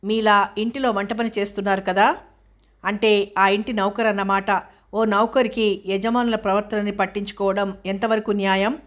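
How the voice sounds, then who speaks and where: A woman's voice: medium pitch, little pitch movement, moderate pace, close to an everyday voice. A woman reading the part of a stern male public prosecutor who questions with pointed sarcasm. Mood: probing.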